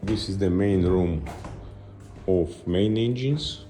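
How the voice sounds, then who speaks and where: A man narrating an unscripted video tour as a guide, halting and pausing between short phrases. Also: deep voice, reverberant, over music.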